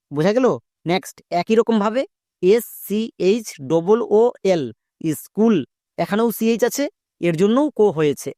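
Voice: medium pitch, darkish tone, no room sound, studio quality. A Bengali-speaking teacher giving an online English pronunciation lesson, spelling words out letter by letter and quizzing viewers with questions.

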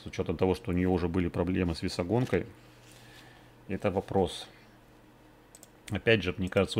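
A man hosting a betting podcast, previewing fights in a casual, hesitant way, thinking aloud with many fillers. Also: low-pitched. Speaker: MMA betting podcast host.

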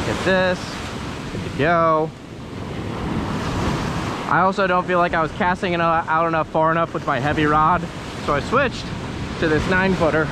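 A man in his thirties casually narrating on camera as he fishes from a beach, explaining each step and getting excited when fish bite. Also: on the high side. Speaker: fishing vlogger. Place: sandy beach outdoors by the surf. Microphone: action camera, head-mounted and handheld. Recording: outdoor beach audio with loud surf and wind. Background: crashing waves and wind.

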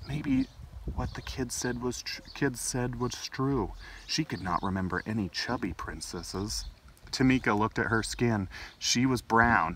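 Outdoors in a garden, a middle-aged storytime host reads a picture book to children with plenty of expression. His voice is mid-range and fairly bright, caught on a distant mic with faint outdoor noise.

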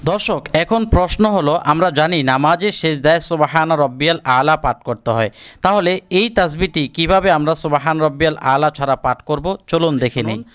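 A man's voice: on the high side, a bit bright, clear, resonant tone. A man giving a religious lesson, explaining prayers and their pronunciation step by step for viewers to follow. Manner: drawn-out Arabic recitation for learners to repeat. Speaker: Islamic teacher.

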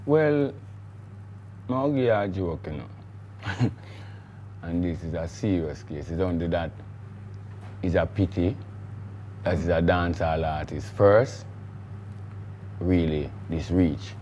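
Deep and darkish, this middle-aged man's voice moves slowly with frequent pauses, and the recording is lo-fi with a little hiss or hum. He's a recording artiste with a Jamaican accent, guesting in a studio interview and rambling emphatically in patois phrasing.

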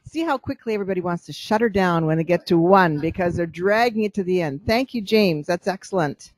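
At a club meeting in a cafe, a woman with a fairly low voice and lively intonation runs table topics. She calls on members and coaches them through short impromptu speeches, briskly summing up their answers.

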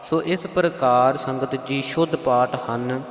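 A man with a Punjabi accent teaching scripture pronunciation. He chants verses slowly and then explains them plainly. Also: medium pitch, roomy sound, in a large hall. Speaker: Sikh scripture recitation teacher. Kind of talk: slow scripture pronunciation lesson with chanted lines.

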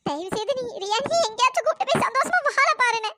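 A woman's voice: extremely high pitch, expressive, fast, heavy background noise. A woman voicing a worried younger sister in a cartoon story, earnest and pleading.

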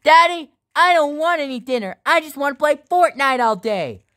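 A man's voice: very high voice, expressive, moderate pace, bright, forceful tone, voice pushed up, full character voice. A man voicing a whiny, goofy little boy in an amateur sock puppet comedy.

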